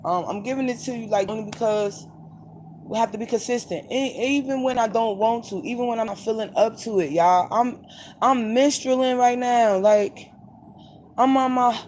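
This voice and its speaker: A woman's voice: on the high side, moderate pace, darkish tone, slight background noise. A woman hosting a late-night podcast in a blunt, emphatic monologue, repeating her points for stress. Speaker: podcast host.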